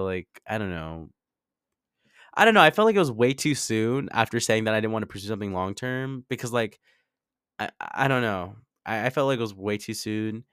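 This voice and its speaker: A podcast host in his twenties, with a lowish voice, shares personal stories in a chatty, confessional style. He's very informal, says "like" a lot and swears now and then. The studio-quality recording has no room sound.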